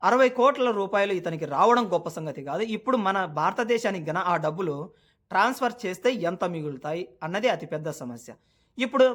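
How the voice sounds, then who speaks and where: A man's voice: sits high, a bit bright. A man vlogging in a casual, chatty way, retelling a news story and calling his viewers brother, with lots of filler words.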